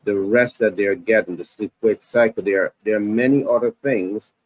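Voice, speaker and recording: Formal male interviewer, low voice, dry sound. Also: moderate pace, no room sound, low-quality recording. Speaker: interviewer host. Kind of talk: interview questions and praise.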